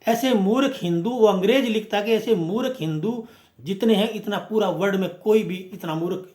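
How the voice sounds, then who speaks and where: A man's voice: high-pitched, normal speed, a little mellow. A man giving an impassioned, emphatic speech as a movement speaker, full of rhetorical questions and repeated phrases. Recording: echoey room.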